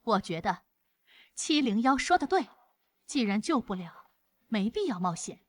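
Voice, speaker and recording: A woman plays a neighbor in a drama who looks out for herself. Her voice is a little high and lively. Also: a little slow, dry recording. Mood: agreeing.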